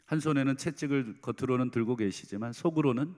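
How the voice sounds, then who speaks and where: A man's voice: medium pitch, quick pace, a little mellow. A male pastor giving an earnest early-morning sermon, often turning to speak directly to his congregation. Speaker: senior pastor. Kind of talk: dawn prayer sermon. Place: church sanctuary. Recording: long church reverb.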